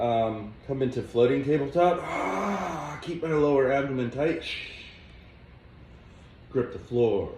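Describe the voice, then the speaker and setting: A man guiding a yoga flow as he does it, giving relaxed, chatty cues with small asides. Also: medium pitch, slight background noise. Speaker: yoga instructor. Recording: echoey room, mic at a distance.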